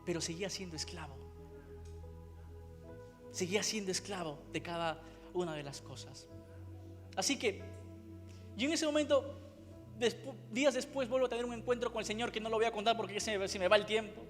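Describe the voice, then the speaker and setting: Emotional high-voiced Spanish preacher. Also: male voice, brisk, long pauses, in a large hall, faint music behind. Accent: Spain Spanish. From Spain. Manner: emotional, repeats phrases, reenacts his own cries. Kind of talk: sermon testimony. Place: church.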